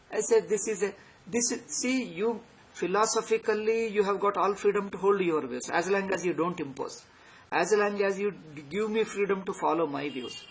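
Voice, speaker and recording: A man's voice: high voice, slightly rough, low-quality recording. A man with a South Indian accent giving an extempore philosophy lecture as a spiritual teacher, speaking emphatically and repeating phrases to drive points home.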